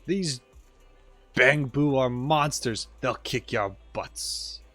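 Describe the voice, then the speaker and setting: A man voicing a bossy robot soccer coach, sharp and scolding. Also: mid-range voice, drawn-out words, dry recording, faint music behind, voice pushed down, heavily acted. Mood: warning. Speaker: streamer reading game dialogue aloud. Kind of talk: voice acting game dialogue on stream.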